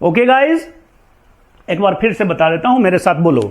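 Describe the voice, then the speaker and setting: A man's voice: high-pitched, animated, normal speed. A man teaching an English grammar class, drilling pronunciation word by word and correcting common mistakes.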